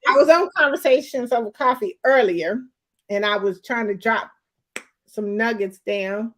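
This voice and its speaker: An American woman hosting a casual live chat, folksy and animated, often repeating herself for emphasis. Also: a little high, moderate pace. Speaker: host of a late-night live girlfriend chat show.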